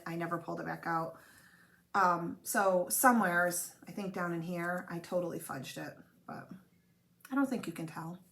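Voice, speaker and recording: A woman's voice: on the low side, fairly bright tone. Woman host, home stitching chat, rambly and self-deprecating, a bit under the weather from a cold. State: coughing from a cold. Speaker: flosstube host. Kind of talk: casual show-and-tell chat. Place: home room with blanketed windows.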